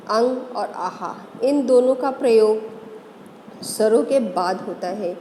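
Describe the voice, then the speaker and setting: Female teacher, high-ish voice, very slow and methodical delivery, echoey room with long reverb. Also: dark tone, slight background noise. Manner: slow, methodical, spells out letters one by one. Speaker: Hindi teacher. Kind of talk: classroom grammar lesson.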